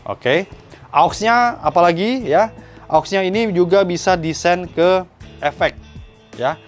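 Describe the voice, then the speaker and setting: A man's voice: high voice, slow pace, soft background music. A man giving an enthusiastic, explanatory product review as a shop owner, talking to viewers.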